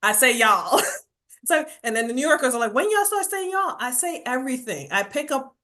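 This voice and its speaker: A Jamaican-born burnout coach with a New York accent, guesting on a podcast, tells stories animatedly, acts out quotes, and tags lines with "right?" constantly. Her voice sits high, and she talks a little fast.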